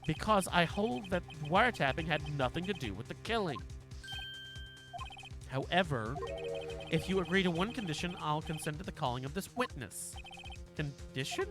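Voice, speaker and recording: A woman voicing a haughty, condescending male prosecutor in a lowered, clipped tone. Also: animated, normal speed, pauses often, over music. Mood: cold. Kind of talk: live game voice-over reading.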